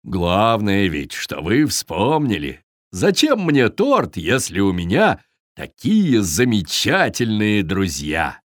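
A storyteller voicing a kind, good-natured Viking who speaks gently and reassuringly to his friends. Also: low-pitched, sing-song, takes it slowly, dry recording, studio quality, heavily acted. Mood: gentle. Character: kindly good-natured Viking, calm and warm.

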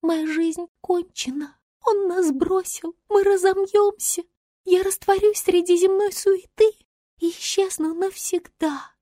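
A woman voicing a small, grumpy and dramatic female magic star in a storybook tale, with a shrill, squealing delivery. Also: fairly even intonation, slow, mellow, dry recording, studio quality. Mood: despairing.

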